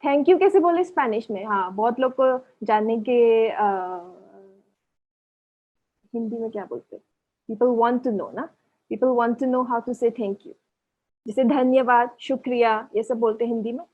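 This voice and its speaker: A woman teaching a language class, explaining slowly and patiently and repeating words for practice. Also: on the high side. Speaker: Spanish teacher. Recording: dull lo-fi sound.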